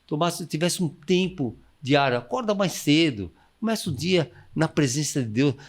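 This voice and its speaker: A man's voice: a little high, lively intonation, moderate pace. A man, a missionary guest giving enthusiastic, preaching-style advice and acting out the inner voices he quotes. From Brazil. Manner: exuberant, acts out quoted inner voices, calls for amens.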